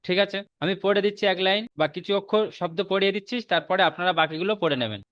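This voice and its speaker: A man with a Bengali accent teaching Quran reading in a recorded online lesson, repeating rules and slowly drawing out each letter. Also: high voice, no echo. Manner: slow drawn-out spelling of letters, repeats rules for memorizing. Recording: dull muffled lo-fi audio.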